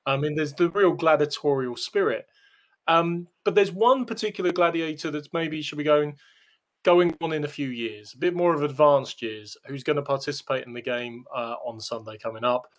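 A man's voice: a little high, normal speed. A man hosting a casual sports interview in a wordy, playfully theatrical way. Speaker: sports talk host.

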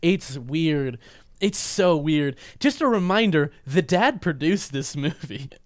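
A young man chatting about a film with a friend, his pitch jumping all over as he acts out scenes and laughs. His voice sits a little high for a man. The sound is dry and close, with no room around it. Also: lively intonation, takes it slowly, no room sound. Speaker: podcast co-host. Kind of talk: casual movie review chat.

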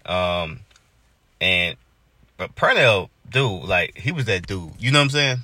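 A man's voice: low-pitched, animated, measured pace, bright, forceful tone, a little hiss or hum. A man, co-hosting a casual podcast chat, rambling with lots of fillers. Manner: laid-back, rambling with many fillers. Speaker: podcast co-host.

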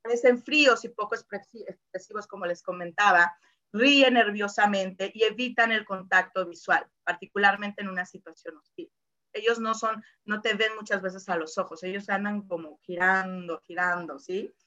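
A woman's voice: mid-range voice, normal speed, pushed and bright, dull audio. A woman giving a casual informal lesson, chatty, full of fillers and tag questions, acting out quoted voices. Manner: acts out voices in quoted asides. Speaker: presenter explaining personality colors.

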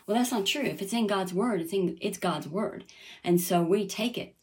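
A woman's voice: medium pitch, moderate pace. Earnest woman preaching a sermon. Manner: earnest, calls out "Amen?" to listeners; reads scripture aloud and acts out quoted voices.

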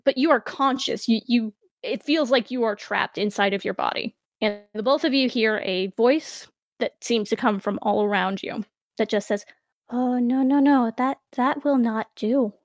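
A woman running a tabletop fantasy game as game master, narrating scenes in a measured, dramatic way. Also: mid-range voice, no room sound, clean studio sound.

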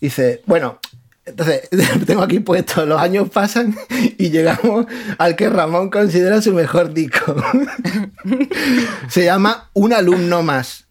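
A man with a notably high voice talks through a comedic music segment on a radio show. He jokes and laughs often, and now and then he breaks into squeaky mocking impressions. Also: lively intonation, measured pace, slightly rough. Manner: joking, frequent laughter, mocking falsetto imitations. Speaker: radio host. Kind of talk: humorous music commentary.

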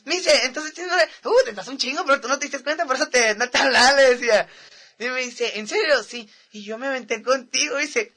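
Young guy from mexico w northern accent, bright voice, slangy and laughing a lot. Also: very high-pitched, fairly quick. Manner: slangy storytelling, laughs often. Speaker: podcast co-host. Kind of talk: casual chat.

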